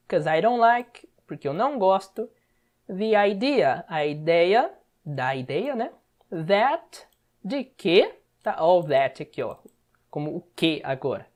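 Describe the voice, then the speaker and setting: Brazilian woman teaching English step by step. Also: mid-range voice. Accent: Brazilian Portuguese. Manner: explains word by word, often checks with a quick "tá?". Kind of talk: step-by-step language lesson.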